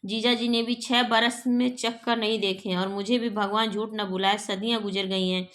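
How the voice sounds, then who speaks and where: A woman's voice: mid-range voice, fairly even intonation, moderate pace, a bit bright, lightly acted. A woman reading as a jovial teasing uncle. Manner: playful, teasing. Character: jovial young man, the boy's uncle.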